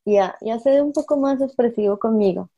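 Guest: woman, mellow, reflective and easygoing, a bit high-pitched. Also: fairly quick, lo-fi sound. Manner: relaxed, reflective, mixes in English phrases. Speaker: guest sharing her experience. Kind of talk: casual group chat.

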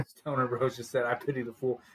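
A man co-hosting a podcast, chatting casually about wrestling in a joking, animated way. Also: medium pitch, fairly quick, slightly rough, poor audio. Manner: joking, animated, laughs often. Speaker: podcast co-host.

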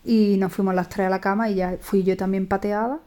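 A woman's voice: medium pitch, steady tone, fairly quick, dark tone. A woman co-hosting a casual podcast, speaking with dry humor. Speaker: podcast co-host. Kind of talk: casual chat.

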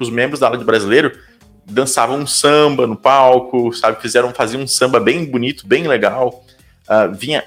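A young Brazilian man with a Brazilian Portuguese accent, talking casually as an interview guest and leaning on fillers like "cara" and "tipo". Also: mid-range voice.

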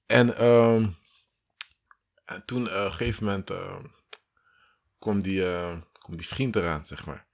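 A man's voice: fairly low pitch, fairly even intonation, measured pace, creaky, long pauses. A man casually telling stories on a podcast, full of slang and English phrases, acting out other people's voices. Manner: slangy, mixes English phrases into his talk; fills with "weet je wel" and "zeg maar". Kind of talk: casual storytelling chat.

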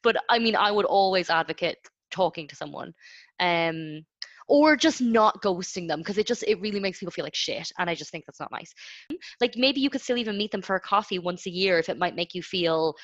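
A woman's voice: on the low side, fairly quick, no echo, muffled recording. Chatty young woman, dry sound. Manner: chatty, lots of likes, animated retelling. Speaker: podcast co-host. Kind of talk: casual chat.

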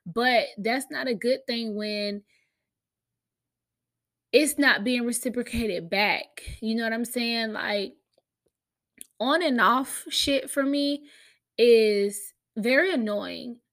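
A woman's voice: fairly high pitch, slow pace, long pauses, fairly bright tone. Candid American woman podcaster with a slight cold. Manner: candid, emphatic, slangy and profane. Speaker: podcast host. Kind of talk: casual solo podcast talk.

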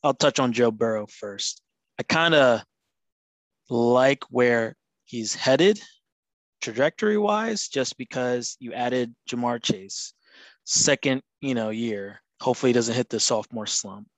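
A man's voice: mid-range voice, measured pace, dry recording, rough recording. A man co-hosting a casual sports podcast, talking in long rambling stretches full of "you know" fillers. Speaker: podcast co-host. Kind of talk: casual fantasy football chat.

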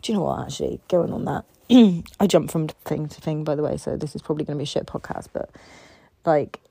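A woman's voice: deep voice, a little fast, vocal fry, warm tone, slightly rough, no echo. A tired woman in a candid solo podcast monologue, rambling and swearing a lot, frustrated and raw.

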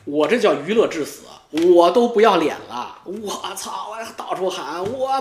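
A middle-aged man, rambling through a crude, teasing comic monologue with a very lively, swooping pitch. His voice rings in an echoey room. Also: normal speed, a crowd in the background. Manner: crude, teasing, swears freely; excitable with sudden loud high outbursts. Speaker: YouTube streamer.

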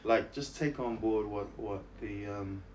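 Over crowd noise, a man with a broad New Zealand accent, roughly in his thirties, talks unhurriedly in a voice on the low side. He's an actor and musician being interviewed, casually spinning anecdotes with a laid-back, slangy, self-mocking style.

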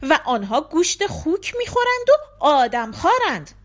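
Stern male imam, blunt and accusing, high lively read, woman narrator. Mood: angry.

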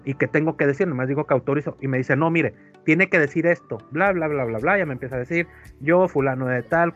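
A man's voice: on the high side, muffled recording. Chatty Mexican man telling a story. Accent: Mexican Spanish. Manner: rambling storyteller, acts out quoted voices, many fillers. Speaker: podcast co-host. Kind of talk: casual chat, telling an anecdote.

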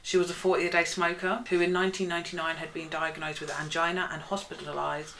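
A woman with a Northern English accent hosting a casual podcast, reading case notes aloud and breaking into loud mocking asides. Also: little pitch movement, quick pace, a little hiss or hum, poor audio. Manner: reads quotes aloud, bursts into loud high mockery. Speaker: podcast host.

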